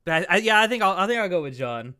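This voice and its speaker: A man's voice: sits high, big pitch swings, racing, pushed and bright, smooth, no echo, studio quality. A man in casual game chat, playing along and often thinking aloud. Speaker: player in a dating guessing game.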